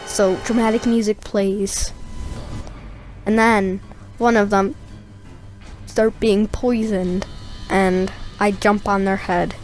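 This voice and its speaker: Slow, rambling young woman narrating gameplay. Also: medium pitch, flat delivery, soft background music. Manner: chatty, rambling with fillers. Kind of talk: casual gameplay voice-over.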